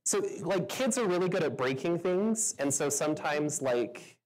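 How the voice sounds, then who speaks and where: A woman's voice: deep voice, lively intonation, moderate pace, a little mellow, rough recording. A woman answering audience questions at a meetup in a casual, chatty way, with lots of fillers. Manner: chatty, filler-heavy, laughs often. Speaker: meetup speaker. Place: stage in a venue with an audience.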